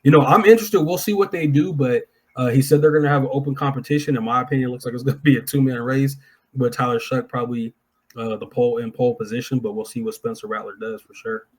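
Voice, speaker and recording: A man's voice: medium pitch, steady tone, quick pace, a little mellow, slightly rough. A man co-hosting a sports podcast, giving opinionated analysis in a casual, informal chat style.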